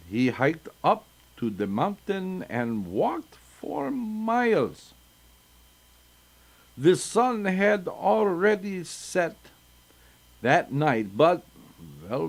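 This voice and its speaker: A man's voice: sits high, vocal fry. An older man reading folktales aloud to children as a storyteller, chatty and breaking off into asides. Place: synagogue.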